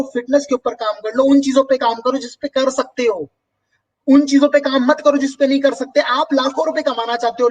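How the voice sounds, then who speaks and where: A man's voice: very high-pitched, distant mic, rough recording. A man hosting a motivational business talk and answering viewer comments, speaking emphatically with rhetorical questions.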